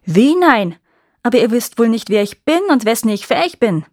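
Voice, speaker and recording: A woman's voice: medium pitch, animated, normal speed, darkish tone, no room sound, studio quality, natural voice. A woman voicing a hideous, scheming old witch who wheedles and threatens. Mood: threatening.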